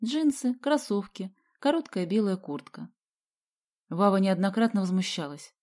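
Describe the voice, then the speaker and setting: A woman narrating a children's audiobook in an expressive storytelling manner. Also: mid-range voice. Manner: expressive storytelling, slow headings. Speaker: audiobook reader.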